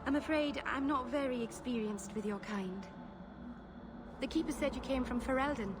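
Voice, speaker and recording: A woman's voice: sits high, moderate pace, background noise, natural voice. An actress playing a shy, earnest young elf woman, a mage who speaks hesitantly and apologetically in video game dialogue. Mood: timid, earnest.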